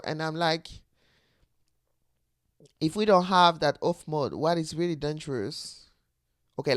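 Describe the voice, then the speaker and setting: A man's voice: mid-range voice, no room sound, clean studio sound. A man hosting his own show, talking through ideas in a casual, reflective monologue with a foreign accent, often breaking into laughter. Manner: speaks with a non-native accent. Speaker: podcast host.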